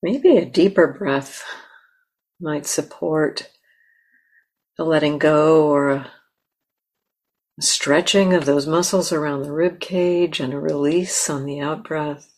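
A meditation teacher leads a guided meditation in a low voice, speaking very slowly and gently. She sets down short phrases and leaves long, unhurried pauses between them.

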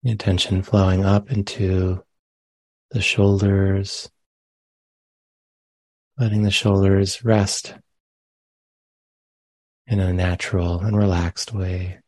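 At a meditation center, a male teacher leads a guided meditation, speaking gently and unhurriedly with long pauses between phrases. His voice sits low and level, and the recording is dry.

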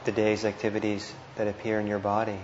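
In a reverberant meditation hall, a low-voiced male teacher leads a guided session in a monotone, his short phrases soft, slightly unsure, and separated by pauses. Captured live, the audio is muffled and spacious, with noticeable noise underneath.

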